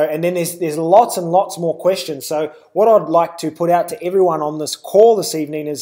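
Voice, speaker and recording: A man's voice: a little high, a little mellow. A man with a New Zealand accent giving a live webinar presentation, talking loosely with lots of "uh" and "you know".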